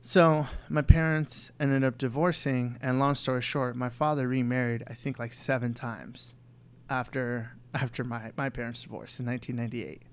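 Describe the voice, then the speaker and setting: A man's voice: mid-range voice, steady tone, moderate pace, smooth. A young man talking candidly on a podcast, rambling with lots of "you know" and restarts. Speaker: podcast co-host. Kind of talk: candid personal chat.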